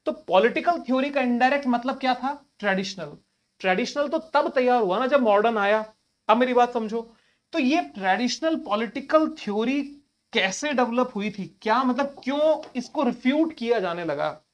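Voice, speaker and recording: A man's voice: extremely high pitch, expressive, moderate pace. Man teaching with rhetorical questions. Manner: conversational, rhetorical questions to students; colloquial address to listeners. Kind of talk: exam-prep lecture.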